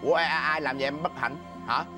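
Brief: high-pitched, rapid Southern Vietnamese man, blustering husband, music bed behind. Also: steady tone. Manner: blustering, stammering. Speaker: husband in a skit. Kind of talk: comedy skit acting.

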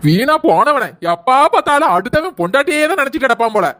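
A woman's voice: sits high, sing-song, fast, a bit bright. A woman with a Kanyakumari Tamil accent playing a young pregnant wife in labour who wails, groans and bickers sharply in a family comedy skit. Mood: groaning, scolding.

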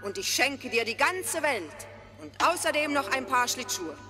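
A woman playing a cold, commanding queen of ice in a fairy-tale audio drama, measured and imperious. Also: high-pitched, big pitch swings. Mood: cool, imperious. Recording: music behind the voice.

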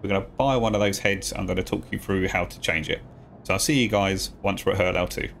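A man talking viewers through a video game tutorial step by step, in a relaxed, casual voice-over. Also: low voice, fast, a little hiss or hum. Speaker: gaming guide creator.

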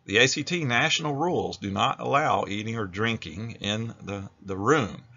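American man, low-pitched, forceful bright tone, plain-spoken teacher narration, slightly muffled recording. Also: moderate pace, creaky. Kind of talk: instructional video narration.

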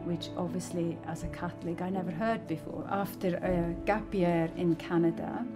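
Earnest Swiss-born woman, lower voice. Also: fairly even intonation, moderate pace. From Switzerland. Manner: earnest, reflective, with soft hesitations. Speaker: church member sharing her testimony. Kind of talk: personal faith testimony. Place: small living room. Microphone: stand mic, camera at medium close-up. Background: soft background music.

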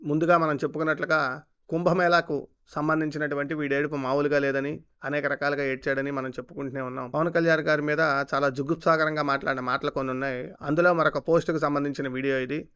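A man rattles off heated commentary at great speed, full of scornful rhetorical questions. His voice is smooth and clear and sits a little high. The recording is dull and lo-fi. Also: level tone, fast talker, a bit bright. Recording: dull lo-fi sound.

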